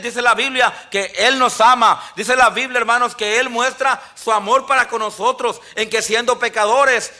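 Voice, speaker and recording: High, bright-voiced pastor preaching. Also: male voice. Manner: preaching with frequent "amén, hermanos" and quoted scripture. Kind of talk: sermon. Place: church sanctuary.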